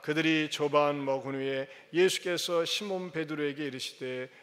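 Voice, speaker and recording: A male pastor preaching a sermon in a church, animated and acting out scenes as he talks. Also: a little high, moderate pace. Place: church sanctuary. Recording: church hall reverb.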